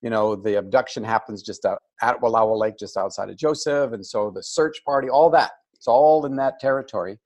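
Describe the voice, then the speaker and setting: This older man has a fairly low voice and talks a bit fast, barely pausing. Appearing as a guest on a video call, he tells a story in a casual, animated way, acting out the voices of the people he quotes.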